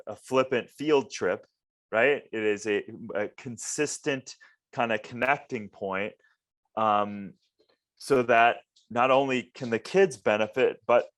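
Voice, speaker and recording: A man from Minnesota hosting a casual interview podcast, rambling and repeating words as he searches for what to say. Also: mid-range voice. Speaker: podcast host.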